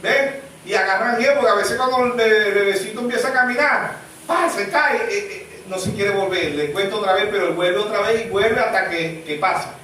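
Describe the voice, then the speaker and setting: A man preaching a sermon as pastor, animated and full of rhetorical questions. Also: high voice, brisk, a little hiss or hum. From Venezuela. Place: church sanctuary. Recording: echoey church room, mic far off.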